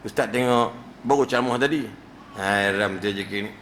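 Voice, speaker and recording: A man's voice: on the low side, brisk, a bit bright, a little hiss or hum. A man giving a humorous religious lecture, telling stories with jokes and acted-out quotes.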